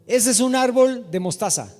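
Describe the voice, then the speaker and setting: High-voiced preacher in a hall. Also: male voice, moderate pace. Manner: animated preaching, addresses listeners as brother. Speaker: pastor. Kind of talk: sermon. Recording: reverberant hall with soft music.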